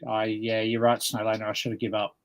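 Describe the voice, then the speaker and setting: A man's voice: on the low side, completely flat delivery, quick pace. A man chatting casually as a guest on an online show. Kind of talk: casual chat.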